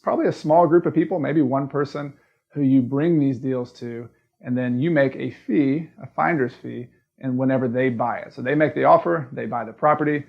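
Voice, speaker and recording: A man's voice: mid-range voice, moderate pace, creaky, highs cut off. A man with a Southern US accent giving a casual, plain-spoken video lesson, explaining step by step as the host. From American South. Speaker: real estate investing educator and video host.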